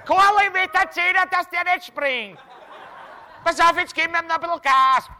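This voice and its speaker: A man voicing loudmouth male neighbors with a Viennese accent who yell mocking taunts from across the street. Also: extremely high pitch, fairly even intonation, moderate pace, a little hiss or hum, voice pushed up, heavily acted. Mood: jeering.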